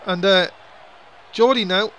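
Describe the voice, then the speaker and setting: A man calling a wrestling match play by play, excitable and quick to grumble. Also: high voice, lo-fi sound. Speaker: wrestling commentator.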